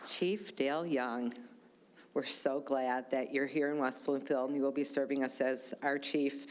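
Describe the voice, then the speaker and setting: Low-voiced woman giving a public tribute. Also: steady tone, a little slow, crowd noise, noisy background. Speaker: township official giving congratulatory remarks. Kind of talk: informal public tribute speech.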